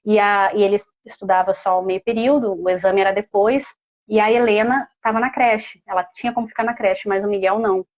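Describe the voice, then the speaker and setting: A woman's voice: mid-range voice, fairly even intonation, fairly quick, lo-fi sound. A mother speaking as a guest, telling a personal story in a heartfelt, casual way with many fillers.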